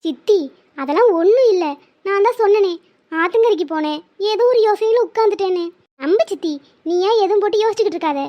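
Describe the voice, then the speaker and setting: Woman doing a very high sweet cartoon village girl, soft and girlish, bit muffled audio. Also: fast talker. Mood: pleading. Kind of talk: cartoon voice acting.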